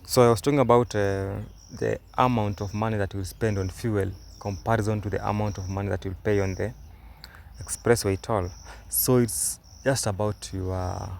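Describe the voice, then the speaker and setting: Recorded on a phone inside a moving car, a young Kenyan man, a travel vlogger who first spoke Swahili, explains things hesitantly, with many fillers and restarts. He has a lowish voice with vocal fry and a slightly mellow quality, and there's a little hiss or hum.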